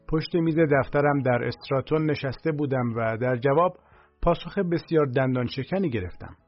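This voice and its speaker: A man reading a first-person audiobook in a steady, measured way. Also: fairly high pitch, lo-fi sound. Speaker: audiobook narrator.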